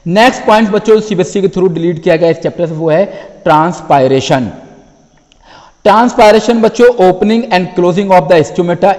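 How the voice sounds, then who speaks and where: A man teaching a syllabus lesson to students, calling them children, repeating his phrases and reading English topic names slowly from a list. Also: sits high, darkish tone, long reverb tail.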